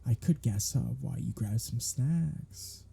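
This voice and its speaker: Bantering and flirting at an unhurried pace, a man voices a sardonic male vampire in an ASMR audio drama. The dark, gravelly voice has a husky, breathy grain, and its pitch swings freely as he teases in an animated, heavily acted way.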